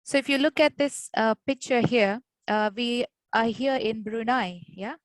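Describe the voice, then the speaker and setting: A woman's voice: on the high side, unhurried, no room sound, rough recording. A woman from India giving an academic webinar lecture over a video call, explaining patiently with frequent "uh" fillers. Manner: hesitant, many "uh" fillers, explanatory.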